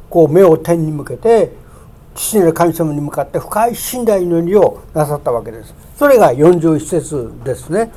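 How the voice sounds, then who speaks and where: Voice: medium pitch, dark tone. Emphatic preacher with swelling peaks. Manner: swells to emphatic, raised peaks on key words; slows down to read scripture aloud. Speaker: pastor. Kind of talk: sermon. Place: church sanctuary with projector.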